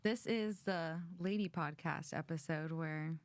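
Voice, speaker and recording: A woman in her twenties hosts a casual podcast chat, laughing often and leaning on fillers. Her voice sits low for a woman. The sound is dry and close, with no room in it. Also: unhurried, dry recording. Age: 20s. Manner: giggly, chatty, with fillers like "like" and "um". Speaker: podcast host.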